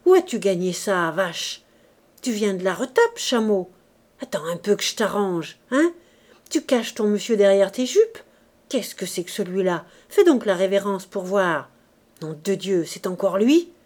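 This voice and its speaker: A woman reading a novel aloud, voicing a delirious, terrified working-class drunk who shouts rough slang in a hoarse voice. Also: very animated, measured pace. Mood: raving. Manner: loud slangy outbursts, raised pitch. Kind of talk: audiobook character voice.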